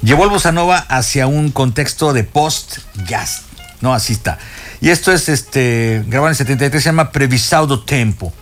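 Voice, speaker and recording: This is casual radio talk from a studio: an older man, accented in Mexican Spanish, acts as the music expert and recounts stories with plenty of filler words and false starts. His voice sits in the mid range, a bit bright, at a moderate pace.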